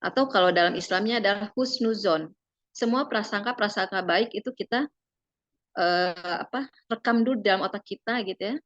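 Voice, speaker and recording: Soft-spoken woman giving a parenting seminar. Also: mid-range voice, normal speed, no echo, muffled recording. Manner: filler-laden, tags phrases with "gitu ya"; addresses parents directly, gently persuasive. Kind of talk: seminar talk with slides.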